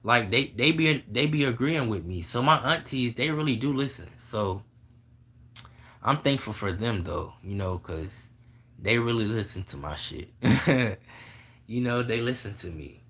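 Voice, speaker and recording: Young male vlogger, casual and profane, quick to laugh, bright edge in the voice. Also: mid-range voice, expressive. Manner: profane, blunt, laughs often. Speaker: vlogger answering viewer questions. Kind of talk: casual spiritual monologue.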